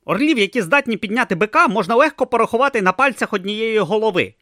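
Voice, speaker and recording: A man's voice: high voice, animated, fast talker, no room sound, studio quality, pitched above the performer's own voice. A man doing a snappish grumpy tortoise god. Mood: grumbling. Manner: snappish, loud, exasperated. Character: grumpy sarcastic god trapped as male tortoise. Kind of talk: audiobook character voice.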